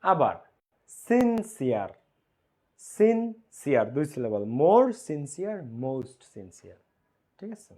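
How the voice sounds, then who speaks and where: Male tutor, slightly high voice, online lesson, repeats and checks "okay?". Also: sing-song, dark tone. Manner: keeps checking in with "okay?", repeats words slowly. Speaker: English grammar teacher. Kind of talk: online class lecture.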